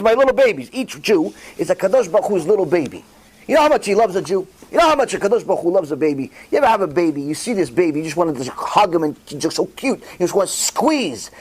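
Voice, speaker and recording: A man giving a rabbi's Torah lecture, emphatic and full of rhetorical questions, swinging widely between loud and quiet. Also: poor audio. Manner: dramatic swings in pitch and volume.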